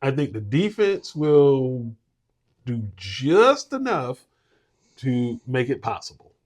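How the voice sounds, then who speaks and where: A man co-hosting a sports podcast, talking through his high school football rankings at an unhurried pace with many fillers. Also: sing-song, a little mellow. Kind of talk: casual sports talk.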